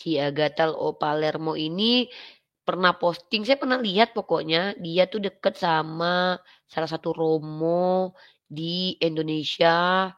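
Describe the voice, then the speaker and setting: A young adult woman casually talking on a livestream, animated and quoting others as she goes. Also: on the low side, unhurried, dull audio. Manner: animated, quotes others in acted voices. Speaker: live streamer commenting on religious controversy.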